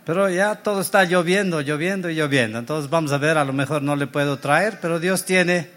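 A man's voice: a little high, brisk, fairly bright tone. A man preaching a sermon to his church, telling a story in an earnest way and often correcting himself mid-sentence. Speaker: pastor.

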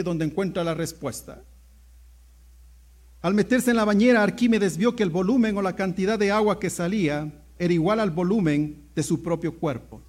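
A man preaching a sermon as pastor, telling a story and swinging between hushed low asides and loud exclamations.

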